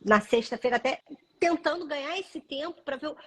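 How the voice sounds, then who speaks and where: A woman's voice: high voice, a little fast, poor audio. A woman and parent educator speaking earnestly and reflectively in a live video chat, often checking in with her listener. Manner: earnest, reflective, peppers speech with "né" and "sabe".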